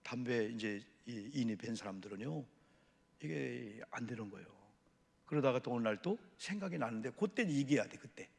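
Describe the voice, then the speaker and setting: A male pastor with a gravelly, husky voice delivers a Bible-study sermon, spinning anecdotes with an easy storyteller's pace. His voice rings out with a long reverb across a church sanctuary. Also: mid-range voice, moderate pace. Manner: lively anecdotal storytelling, drops to hushed asides.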